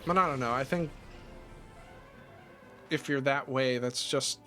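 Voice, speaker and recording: A man's voice: mid-range voice, a little slow, sharp tone, soft background music. A man streaming a video game and chatting casually, rambling with many restarts and laughs. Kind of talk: casual chat while gaming.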